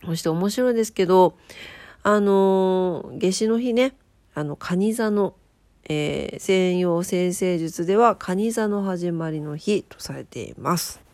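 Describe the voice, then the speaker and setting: A woman's voice: on the low side, slow pace, darkish tone, dry recording. A woman hosting a casual, chatty solo radio show in polite speech, her voice nasal from a blocked nose. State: stuffed-up nose.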